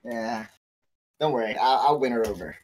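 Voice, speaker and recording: A man's voice: mid-range voice, expressive, normal speed, darkish tone. A man playing a tabletop game, joking and speaking wryly in character. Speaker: player. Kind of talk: casual in-character banter.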